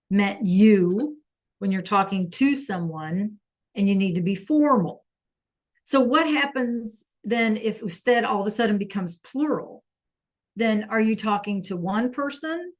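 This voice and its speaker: A woman teaching a Spanish lesson online, patiently checking in with her students and praising answers from the chat. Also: mid-range voice.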